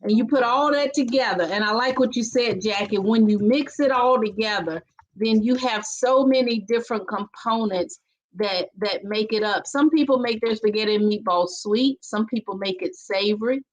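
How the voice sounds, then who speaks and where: A woman on a church panel, talking in a steady, reflective way and building her point in lists. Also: on the high side, moderate pace, rough recording. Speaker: panel guest. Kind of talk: casual church panel talk.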